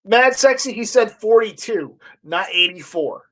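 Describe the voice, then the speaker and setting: Hosting a laid-back live stream, this fairly high-voiced man drifts from reading viewer comments to easygoing talk. His speech stumbles along with frequent repeated words, and his tone is expressive and fairly bright.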